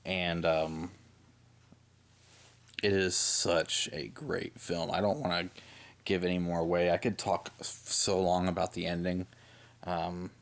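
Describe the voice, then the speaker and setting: A young male vlogger with a deep voice and vocal fry chats casually while sick and recovering from a lost voice. He rambles and hesitates, filling his speech with lots of fillers.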